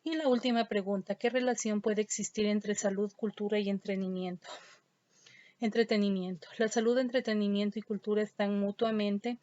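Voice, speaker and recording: A woman's voice: mid-range voice, a little mellow, no echo. A woman teacher, explaining an online lesson step by step and reading out questions and answers. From Ecuador. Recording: dull lo-fi dry audio.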